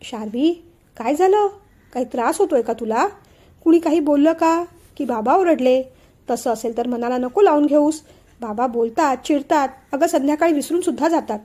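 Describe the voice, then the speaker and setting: Lady reading as a calm bossy-kind sister-in-law, teacher vibe, high soft voice. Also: normal speed. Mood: reassuring. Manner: soothing, teacher-like instructions. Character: calm, reassuring young sister-in-law, a woman.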